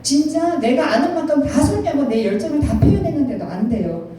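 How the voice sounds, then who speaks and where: A high, lively female voice of a woman around fifty tells her personal story to a room, emotional and laughing as she goes, with a dark, mellow tone. She is caught from a distance in a very echoey hall. Faint noise sits under the sound. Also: fairly quick. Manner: animated, emotional, often laughing while talking. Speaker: speaker giving a personal testimony. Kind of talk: storytelling talk to an audience with slides.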